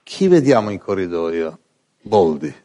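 A man telling funny anecdotes to an audience in a lively, casual way, often imitating other people's voices. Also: low-pitched, a little slow. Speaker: storyteller.

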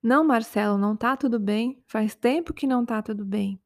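A woman reading a spoken story voices a fed-up young girlfriend who scolds firmly and plainly in a reproachful mood. The natural voice is dry, close and pitched a little high, at a moderate pace with a dry recording.

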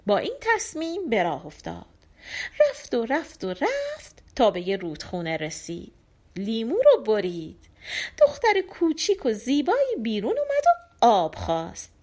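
A woman narrating an audiobook folk tale in an expressive storybook manner. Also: a little high.

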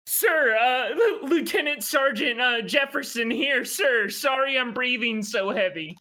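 A man's voice: extremely high pitch, measured pace, pushed and bright, heavily acted. A man voicing an eager wannabe soldier who stammers and pants for breath as he reports in. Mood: overeager. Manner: panting, stammering, overeager.

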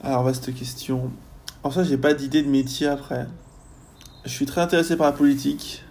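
A young man, a university student, chatting casually in a podcast interview, often pausing on fillers as he thinks. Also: medium pitch, steady tone, creaky, a little mellow, slight background noise. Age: young adult. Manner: chatty, lots of hesitations and fillers.

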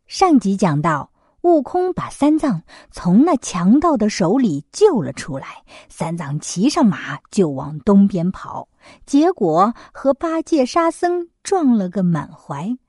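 A woman's voice: mid-range voice, very animated, slow, dark tone, no room sound, clean studio sound. A woman storyteller narrating a classic tale to children in a friendly, sisterly way.

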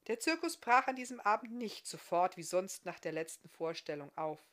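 A woman author reading her fairy-tale novel aloud in an expressive, lively storytelling manner. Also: lowish voice, moderate pace.

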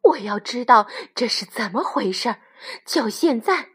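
A woman's voice: on the high side, animated, unhurried, slightly rough, heavily acted. A woman voicing a fierce, protective mother sheep in a storybook read-aloud, insistent and indignant. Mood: demanding.

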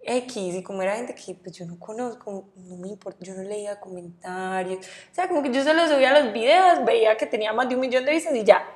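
A young woman from Medellín with a paisa accent, telling her story as a podcast guest, animated and quick to laugh. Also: fairly high pitch. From Medellín, Colombia. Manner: animated, laughs often, acts out quotes. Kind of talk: casual interview storytelling.

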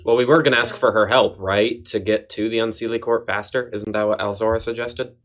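A man's voice: fairly low pitch, steady tone, brisk, fairly bright tone. A man playing a tabletop game, talking casually with the group.

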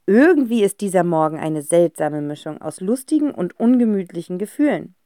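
A woman narrating a children's audiobook with a lively, expressive reading. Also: on the low side, fairly quick, dry recording, studio quality.

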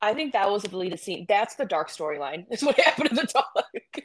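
A woman's voice: medium pitch, sing-song, fairly quick, low-quality recording. Giggly rambling woman podcast host. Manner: giggly, rambling, full of fillers. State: high. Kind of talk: casual chat.

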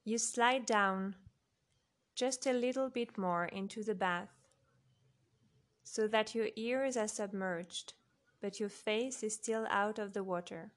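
A woman narrating a guided sleep meditation in a soft, unhurried way, with long pauses between phrases. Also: mid-range voice.

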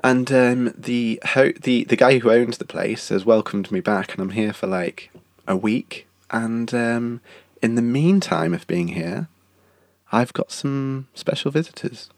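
In a dry recording made indoors at a countryside house, a young man chats casually on his podcast. His medium-pitched voice moves a little slowly, broken up by laughs and a lingering cough.

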